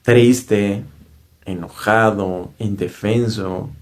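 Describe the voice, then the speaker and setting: A spiritual speaker with a Mexican Spanish accent earnestly tells the story of a personal spiritual experience in a monologue, often checking in with listeners through tag questions. His voice is lowish, steady, darkish and very slow.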